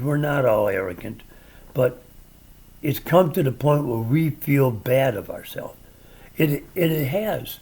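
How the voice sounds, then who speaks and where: An older Midwestern man with a gravelly, husky voice, chatting casually on a podcast. He tells stories and offers wry opinions in a conversational way. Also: medium pitch, a little mellow. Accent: American Midwestern. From American Midwest. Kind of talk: casual chat.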